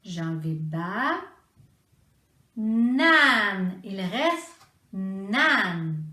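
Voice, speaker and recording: A woman with a Quebec French accent teaching preschoolers, sounding out syllables slowly and clearly in a sing-song way. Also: medium pitch, big pitch swings, pushed and bright. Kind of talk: slow, deliberate teaching for young children. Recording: echoey room.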